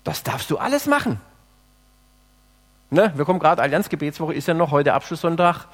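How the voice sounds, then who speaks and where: A man preaching a sermon, swinging between loud emphatic lines and soft, low, hushed phrases. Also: very animated, brisk. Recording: long hall reverb.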